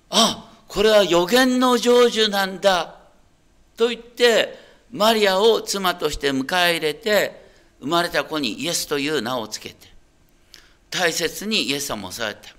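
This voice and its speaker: A pastor with a high-pitched, pushed and bright voice preaches a sermon conversationally, putting questions to his listeners and often checking that they're following.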